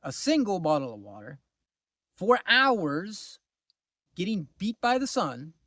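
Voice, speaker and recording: A man recounting his own misadventures in a casual vlog, his voice swinging up and down with a slightly high pitch. He sounds exasperated, often sinking into low asides. The sound is close and completely dry. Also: slow pace, dry recording. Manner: animated, exasperated storytelling, drops to low mutters. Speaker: vlogger. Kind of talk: casual storytime.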